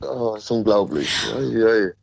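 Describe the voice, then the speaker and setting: A man heard over a phone call in casual conversation, answering in short, halting replies. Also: fairly low pitch, vocal fry, a little mellow, no room sound. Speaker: caller receiving news.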